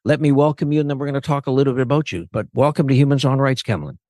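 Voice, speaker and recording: A man hosting a podcast. He reads a formal introduction in a measured way and then asks looser, conversational questions. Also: mid-range voice, dark tone, no echo, clean studio sound. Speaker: podcast host. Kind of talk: scripted introduction and interview questions.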